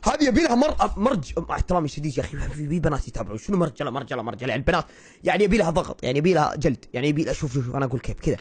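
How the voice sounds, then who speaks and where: A young man giving excited let's-play commentary, shouting and then muttering. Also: fairly high pitch, rapid-fire, breathy edge. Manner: shouty and playful, swings between yelling and muttering. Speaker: gaming streamer. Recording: game music playing behind.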